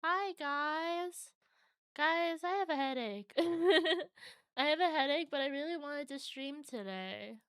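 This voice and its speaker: A woman's voice: high-pitched, a bit bright, no echo, studio quality. A woman livestreamer chatting casually with viewers in a cute, bubbly anime-streamer manner. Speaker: variety streamer.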